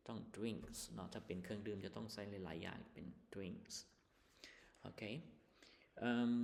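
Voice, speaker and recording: Lao-male teacher, slow and gravelly, patient, repeats every word. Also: sits low, a little mellow, big-room sound. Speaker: English teacher. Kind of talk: vocabulary lesson explanation.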